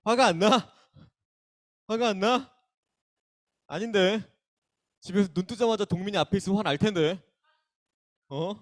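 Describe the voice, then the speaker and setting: A man's voice: sits high, measured pace, long pauses. A young man, a youth pastor, opening a casual sermon by bantering with the students and calling on them by name. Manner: bantering, teasing, calls on listeners by name. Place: church worship hall.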